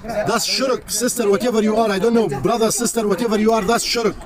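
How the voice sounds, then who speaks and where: A man's voice: high voice, steady tone, fairly quick, a crowd in the background. Emphatic man lecturing on a street. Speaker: walking pilgrim. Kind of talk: casual chat on a livestream. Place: outdoors on a street. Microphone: phone held by another person.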